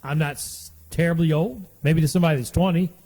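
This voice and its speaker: A man's voice: fairly high pitch, quick pace, darkish tone, long reverb tail. A man in his late fifties hosting a casual monologue podcast, rambling and repeating himself in a folksy way. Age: 50s. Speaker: podcast host.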